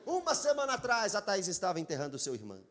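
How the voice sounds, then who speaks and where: A man's voice: sits high, huge pitch swings, fast, fairly bright tone. A Brazilian man preaching a sermon to his congregation as pastor, emphatic and speaking to them directly. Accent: Brazilian Portuguese. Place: church sanctuary.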